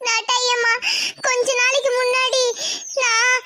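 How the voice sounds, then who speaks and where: A woman's voice: very high-pitched, flat delivery, a little slow, pushed and bright, slight background noise, heavily acted. A woman voicing a frightened, tearful young village woman in a cartoon, speaking hesitantly.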